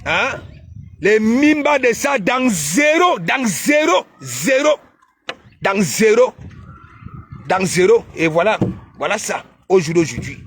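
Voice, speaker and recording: A man with a Cameroonian accent rants to his live-stream viewers in a high, unhurried voice. He mocks and teases, and now and then breaks into loud shouts. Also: sing-song, slight background noise. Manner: mocking, teasing, bursts of shouting. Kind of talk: casual ranting live stream.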